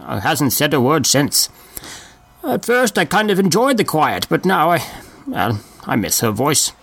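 A folksy old man who talks in an unhurried drawl, voiced by a male storyteller. He is chatty and nosy, and his pitch sits well above the narrator's own while swinging up and down as he talks. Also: sing-song, creaky, a bit bright, exaggerated voice. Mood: wistful. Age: older. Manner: slow, drawling, folksy old-timer speech.

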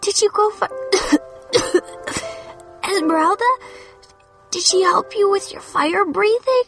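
A man voicing a sick little girl who is weak and teasing, in a very high falsetto. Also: normal speed, creaky, pushed and bright, faint music behind, exaggerated voice. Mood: glad.

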